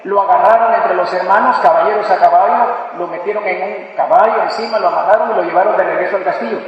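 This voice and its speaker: High-voiced preacher man in echoing hall. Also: quick pace. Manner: animated storytelling, acting out quoted voices. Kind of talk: sermon. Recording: echoey hall, distant mic, dull lo-fi.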